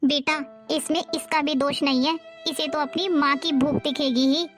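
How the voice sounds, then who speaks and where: A woman voicing an elderly mother-in-law who speaks in slow, wounded reproach. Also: high voice, fairly even intonation, faint music behind, lightly acted. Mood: hurt.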